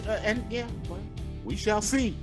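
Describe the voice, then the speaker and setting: A man co-hosting a sports talk show, animated and repetitive as he runs through picks. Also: high voice, moderate pace, over music. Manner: animated hype, repeating words and phrases.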